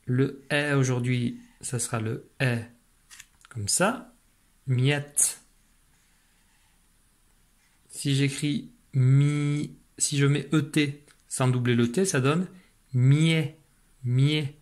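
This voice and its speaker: A male teacher leads a spelling dictation at an unhurried, deliberate pace. He speaks patiently and repeats each syllable. His voice sits at a middle pitch. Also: steady tone. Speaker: primary school teacher.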